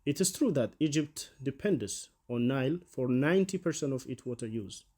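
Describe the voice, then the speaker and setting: A man presenting and narrating a scripted explainer in a formal, measured way. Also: medium pitch, animated, warm tone.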